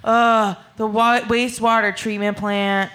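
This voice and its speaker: A lazy, slangy teen slacker who drawls through every line. The voice is bright and sits a little high. It is a comedic scripted read, with a woman acting him out. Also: little pitch movement, unhurried. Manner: drawling, laid-back slang. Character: slacker teen boy who says "man" a lot.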